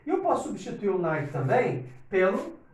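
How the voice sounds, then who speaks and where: A man's voice: high voice, very animated, normal speed. A man teaching an English lesson to Portuguese speakers, explaining step by step and often checking in with his students. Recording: echoey room, distant from mic.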